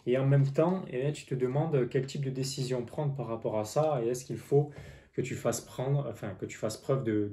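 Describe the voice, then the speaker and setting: A man's voice: medium pitch, mellow. A man giving an informal tarot forecast straight to the viewer, explaining hesitantly with repeated phrases and a slight lisp on his s sounds. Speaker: tarot card reader.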